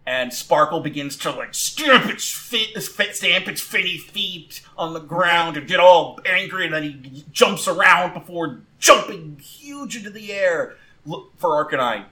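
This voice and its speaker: A man narrates a tabletop creature battle as game master, rambling through fillers and restarts. His voice is bright and sits a little high. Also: lively intonation, measured pace.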